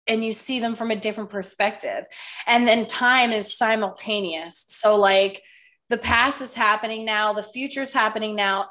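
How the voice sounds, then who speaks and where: In a high, pushed and bright voice, a woman hosts a casual podcast chat. Somewhat nasal and congested with a slight cough, she's chatty and loose, swearing casually and saying "like" constantly.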